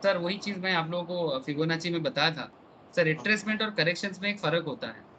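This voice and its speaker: Man, online class teacher, high pitch, bright tone, explains with analogies. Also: animated, a little fast, dull audio, a little hiss or hum. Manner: explains with everyday analogies, checks in with students.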